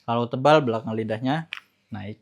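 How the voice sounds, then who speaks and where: A man teaching Quran pronunciation, explaining casually and slowly repeating each sound to demonstrate it. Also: medium pitch. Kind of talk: recorded tajwid lesson.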